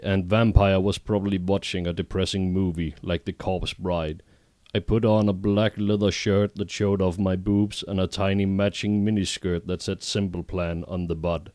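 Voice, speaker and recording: A man reading a fanfiction aloud exactly as written, in a deadpan voice, with brief asides. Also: sits low, normal speed, no room sound. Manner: deadpan, reads errors as written. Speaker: reader.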